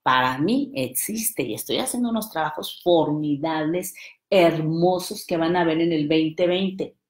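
Slow-talking woman coach in an echoey room. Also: low voice. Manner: playful, acts out quoted friends. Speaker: NLP coach. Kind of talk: motivational talk to an audience.

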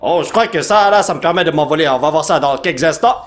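A man giving live gameplay commentary, excitable, with frequent exclamations, shouts and English slang. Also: a little high, fast, loud music behind the voice. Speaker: gaming YouTuber.

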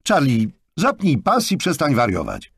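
Male narrator as a bossy, exasperated chef; pitched up, snapping, raspy edge. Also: brisk, dry recording, clean studio sound, natural voice. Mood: angry.

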